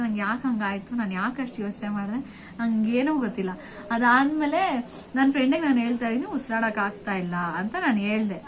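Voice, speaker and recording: A young woman vlogger recounting a frightening trip in an excited, emotional way, repeating words and restarting sentences. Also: high voice, a little hiss or hum, rough recording. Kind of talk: emotional first-person storytelling.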